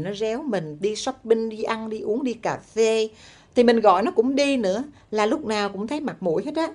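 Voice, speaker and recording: A woman with a Southern Vietnamese accent delivering a comic rant straight to her viewers. She talks in a blunt, animated way and exaggerates freely for laughs. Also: on the high side. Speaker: vlogger.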